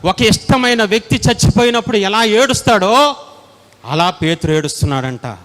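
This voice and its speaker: A man preaching a sermon as a pastor, passionate and dramatic, swinging from soft pleading to loud outbursts. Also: high-pitched, lively intonation, moderate pace. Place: large indoor meeting hall. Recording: long hall reverb.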